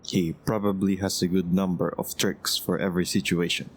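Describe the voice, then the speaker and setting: Deep-voiced man doing game commentary. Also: flat delivery, normal speed, husky. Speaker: gaming video host. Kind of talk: gameplay commentary, reading on-screen text aloud. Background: game music.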